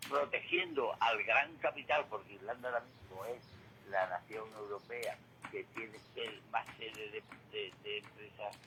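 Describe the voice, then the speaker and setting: Against background noise, this current-affairs radio commentator speaks in a lowish, unhurried voice with fairly even intonation. He explains his opinions emphatically and conversationally, hammering points home through repetition and rhetorical questions.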